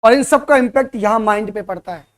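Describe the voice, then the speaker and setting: A man's voice: high voice, fast. A man teaching at a coaching center, giving a motivational classroom talk and throwing rhetorical questions at his students.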